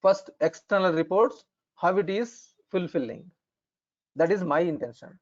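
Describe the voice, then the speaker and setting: A man with an Indian accent explaining things as an instructor in an online lesson, in halting, repetitive phrasing. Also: high-pitched. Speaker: instructor in functional finance consulting. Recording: dull, lo-fi online call audio.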